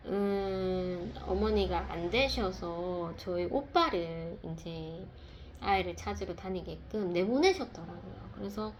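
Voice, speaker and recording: Woman, conversational testimony, mid-pitched, soft and reflective, faint background hiss. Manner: soft-spoken and reflective, with pauses and fillers. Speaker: speaker sharing a personal testimony. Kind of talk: casual testimony talk.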